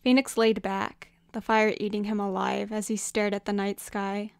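A woman reading a story aloud as narrator, in a measured, expressive way. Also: mid-range voice, gravelly, clean tone, no room sound, clean studio sound. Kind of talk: fan fiction audiobook reading.

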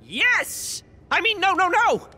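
An actor voicing a small, nervous, fast-talking monster in an animated game, stammering excuses like a caught thief. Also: male voice, extremely high pitch, soft background music, full character voice. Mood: flustered, caught out. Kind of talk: animated video game acting.

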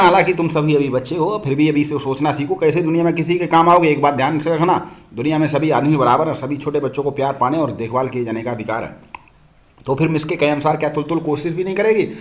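A male teacher reading a textbook story aloud to pupils, acting out the dialogue and stopping to explain. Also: on the high side.

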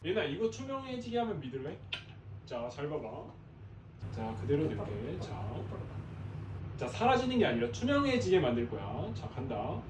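A man's voice: a little high, wildly swooping pitch, moderate pace. Male magician, coaxing patter, some distance from the mic, noisy echoey space. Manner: coaxing and showman-like, addressing a child. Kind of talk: playful performance patter for a child. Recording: roomy, somewhat distant, with people and noise behind.

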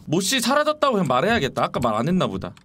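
A man in his twenties, commentating a horror game he is playing, talking back to the characters and yelling when startled. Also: on the high side, wildly swooping pitch, racing, slight background noise. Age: 20s. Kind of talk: casual gameplay commentary.

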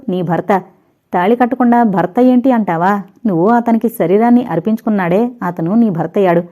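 Woman reading an insistent inner conscience, emphatic, mellow voice, muffled audio. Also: a little high, natural voice. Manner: emphatic, pressing each word. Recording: dull lo-fi recording.

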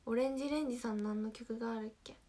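A woman's voice: fairly high pitch, steady tone, quick pace, dark tone. A young woman with a Hiroshima dialect chatting casually with viewers on a livestream, reacting to comments and humming snippets of songs. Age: young adult. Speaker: idol livestream host.

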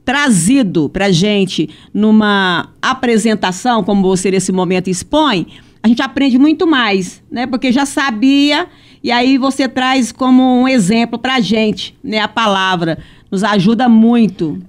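A woman's voice: a little high, unhurried. Brazilian woman moderating a church podcast. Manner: affirming, warmly interjecting "né?".

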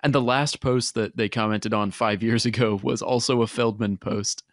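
A man's voice: lowish voice, fairly even intonation, moderate pace, no echo, clean studio sound. A man co-hosting a fan podcast in casual chat, rambling with many restarts. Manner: rambling, frequent restarts and laughs. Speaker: podcast co-host.

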